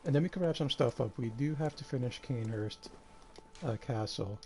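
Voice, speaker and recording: A man streaming a game live, tired and a bit out of breath, talking in a relaxed, rambling way with lots of fillers. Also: medium pitch, normal speed, faint music behind. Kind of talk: casual live-stream commentary.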